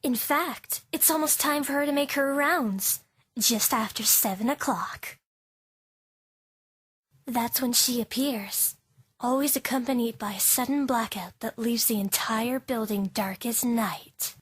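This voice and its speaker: A breathy, fairly high female voice plays a skittish schoolgirl in her teens, spinning a ghost tale for an anime fandub with hushed, stretched-out, foreboding theatricality. The recording itself is dry, but music runs underneath. The overall mood is eerie and ominous.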